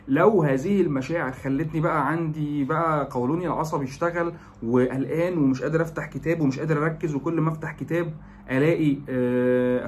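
Egyptian man, young, brisk educational presenter, fills pauses with "aah", faint hiss behind. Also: fairly high pitch. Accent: Egyptian Arabic. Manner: explains with lots of English terms and filler "aah". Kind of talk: educational talk.

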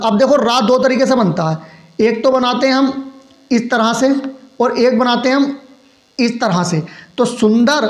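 A man's voice: very high voice, reverberant. A man teaching a shorthand lesson step by step. He asks questions and answers them himself, and he explains each stroke patiently as he writes.

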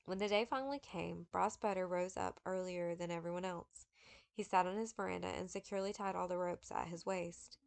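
A woman reading a memoir aloud in a steady, measured manner, with occasional slips. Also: lowish voice, gravelly, clear, resonant tone. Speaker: audiobook reader.

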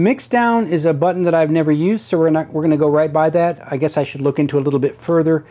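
A middle-aged man walks through a device in a casual tutorial. His voice sits at an average pitch. He speaks haltingly, thinking aloud as he demonstrates each step. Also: warm tone. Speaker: tutorial presenter. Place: small home office room.

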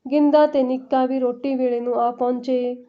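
A woman narrating a family story in a steady, plain telling. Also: sits high, normal speed. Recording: dull lo-fi recording.

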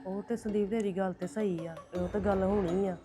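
A woman with a Punjabi accent acting as an unwell sister-in-law, speaking calmly and soothingly. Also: medium pitch, moderate pace, music in the background. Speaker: ailing sister-in-law in drama. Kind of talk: Punjabi family drama acting.

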